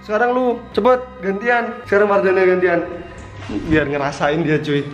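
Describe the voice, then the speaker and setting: A man's voice: high voice, expressive, normal speed, echoey room, muffled recording, soft background music. A young man, hosting a casual horror-challenge vlog in an office, slangy and swearing in jokey banter. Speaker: vlogger. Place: office room indoors.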